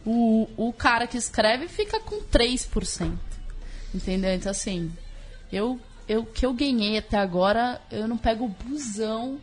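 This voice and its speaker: A woman's voice: on the high side, lively intonation, normal speed, soft background music. Brazilian woman guest, candid casual chat, swears a bit, got a sore throat. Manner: candid, colloquial, sprinkled with swearing. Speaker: guest, book author. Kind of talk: casual conversational interview.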